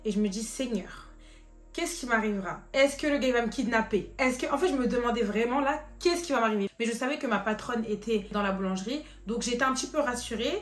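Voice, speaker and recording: A woman in her twenties telling her personal faith testimony as a vivid story, acting out each exchange of dialogue. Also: on the high side. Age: 20s. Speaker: testimony vlogger. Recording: roomy sound with faint music.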